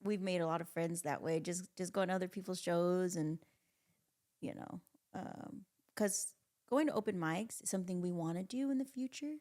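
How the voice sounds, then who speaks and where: A woman's voice: lowish voice, moderate pace, darkish tone. A woman in her thirties, a band member guest in a casual interview, upbeat and repeating phrases for emphasis. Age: 30s.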